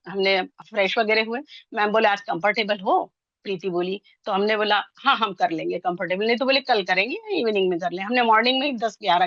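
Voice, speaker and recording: A woman in her sixties from India tells her own story in an excited, rambling way, talking fast and restarting her sentences often. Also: medium pitch, no room sound, lo-fi sound. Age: 60s. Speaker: interviewee sharing her story. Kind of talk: excited personal testimonial.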